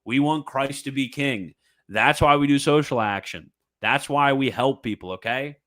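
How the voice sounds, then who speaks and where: A man at an ordinary mid pitch reads a church document aloud, then stops to react. He talks fervently and emphatically, hammering the same phrase again and again. He slips into mocking asides between points. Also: normal speed, a bit bright. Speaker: commentator. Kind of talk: animated commentary reading and reacting to a papal text.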